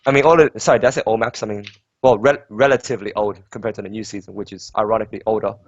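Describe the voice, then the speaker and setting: A man doing casual live esports commentary, chatty and joking, quick to laugh. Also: lowish voice, fairly even intonation. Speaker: esports caster. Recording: dull, slightly lo-fi, dry.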